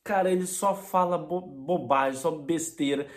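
Brazilian guy telling a funny story, kinda high voice, does silly voices for people. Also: normal speed. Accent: Brazilian Portuguese. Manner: animated, mimics his mother and friends in high voices. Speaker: comedian. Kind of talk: stand-up storytelling.

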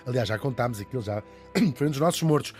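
A man with a European Portuguese accent tells a history story at a brisk clip, chatty and full of playful asides. His voice sits at an ordinary pitch. Faint music plays beneath him. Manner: lively, chatty, jokey asides. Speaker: podcast host.

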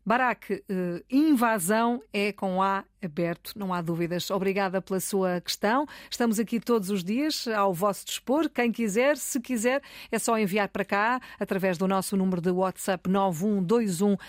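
A woman's voice: medium pitch, normal speed, dry recording, studio quality. A woman with a European Portuguese accent, hosting a radio segment and chatting as she reads out a listener's question. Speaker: radio host. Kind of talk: casual radio chat.

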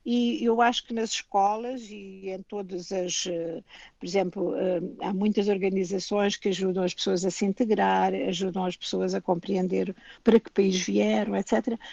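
Over a dull lo-fi remote line with no room sound, an older woman from Portugal talks reflectively as an interview guest, often restarting and adding asides. She has a European Portuguese accent and a steady, slightly mellow medium-pitched voice with vocal fry, speaking at normal speed.

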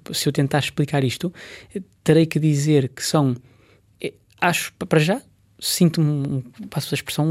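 A man's voice: a little high, a little mellow, dry recording. A man with a European Portuguese accent giving a conversational, discursive explanation, often checking in with short tag questions. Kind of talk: conversational explanation to a host and listeners.

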